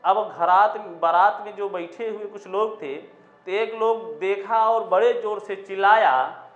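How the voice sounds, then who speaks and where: A man's voice: high-pitched, a little slow, fairly bright tone. A man teaching a Sanskrit coaching class, repeating mnemonic chants and asking the students questions. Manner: sing-song repetition of mnemonic chants, rhetorical questions to students. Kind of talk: exam-prep classroom lesson with mnemonic stories. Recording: roomy classroom, dull lo-fi sound.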